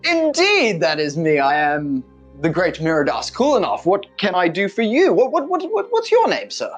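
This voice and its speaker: A preening, self-important scholar in a tabletop game, his voice lifted high and theatrical. A man puts him on, with faint music underneath. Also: wildly swooping pitch, moderate pace. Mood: pompous. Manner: grandiose, flustered stammer. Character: pompous vain male scholar, showy and self-important.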